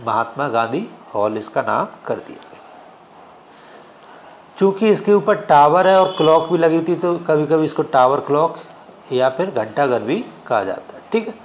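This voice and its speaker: A man's voice: on the high side, expressive, normal speed, muffled recording, a little hiss or hum. Man lecturing with constant self-questions. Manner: asks questions and answers them himself, frequent "ठीक है?". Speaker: exam coaching teacher. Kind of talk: classroom lecture.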